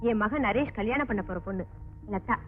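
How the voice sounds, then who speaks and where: An actress playing a gentle woman doctor soothing an injured patient, in an old film soundtrack. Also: mid-range voice, fairly quick, narrow, tinny audio, faint music behind, close to an everyday voice. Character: calm kind woman doctor caring for a patient.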